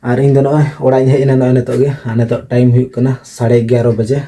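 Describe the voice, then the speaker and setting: A man's voice: mid-range voice, level tone, a little fast, warm tone. A man chatting casually as a vlogger outdoors at night, laughing often. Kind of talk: casual vlog chat. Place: outdoors at a lit-up night event. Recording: busy crowd noise around.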